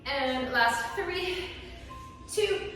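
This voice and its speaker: A woman with a high voice leads a workout from a little way off in a very echoey hall. She gives short, unhurried cues and counts, encouraging the class while puffing from her own effort. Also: animated, fairly bright tone. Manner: encouraging, working out along with viewers. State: exerting, puffing between sets. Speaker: fitness instructor. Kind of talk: workout coaching, counting and cueing. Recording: echoey hall, distant microphone.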